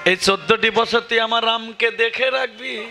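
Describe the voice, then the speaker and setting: A man's voice: extremely high pitch, fairly even intonation, moderate pace, music in the background. A man with a Bangladeshi Bengali accent voicing a weeping mother who pleads with her son, in a sung sermon story. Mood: tearful. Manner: tearful, pleading. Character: weeping mother of a prince, beseeching.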